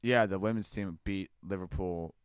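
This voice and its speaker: A man with a fairly low, smooth and resonant voice hosts a casual football chat podcast. He rambles, restarts sentences and keeps checking in with his co-host. The sound is close and dry. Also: moderate pace, no room sound. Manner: rambling, many restarts and "you know what I mean".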